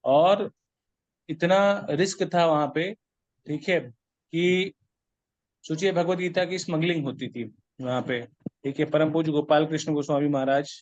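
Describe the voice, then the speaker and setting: Give me a higher-voiced man leading a devotional class over a dull video call. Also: unhurried, long pauses, a little mellow, no echo. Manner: explanatory, checks in often with listeners.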